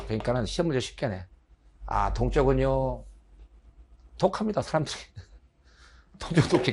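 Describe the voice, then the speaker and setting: A middle-aged man giving a lecture to exam students, chatty and joking, slipping into slang and acting out little dialogues. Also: on the high side. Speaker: biology instructor for transfer exam prep. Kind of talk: lecture with casual asides.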